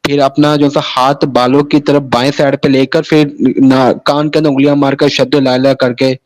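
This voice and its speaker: This interview guest from Pakistan rambles through his own life story, often restarting phrases and falling back on the tag "sahi hai na." His pitch is medium with little movement, his pace moderate, and the audio rough.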